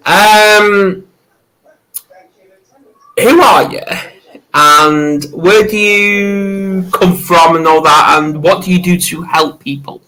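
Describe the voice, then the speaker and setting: A male co-host leads a relaxed interview, speaking slowly and playfully. His voice is bright and forceful and sits a little high for a man. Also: rough recording. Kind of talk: casual interview talk.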